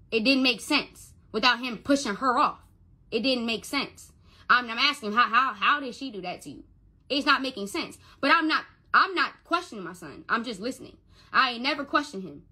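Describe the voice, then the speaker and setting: A woman's voice: fairly high pitch, pushed and bright, slightly rough. A young woman telling an emotional personal story to the camera as a mother, stuttering and repeating words when she gets upset.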